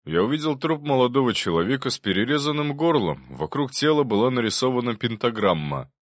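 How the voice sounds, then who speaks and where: A man reading an audiobook, voicing a nervous medical expert who answers in a measured, careful way. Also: medium pitch, very animated, no room sound, clean studio sound, pitched above the performer's own voice.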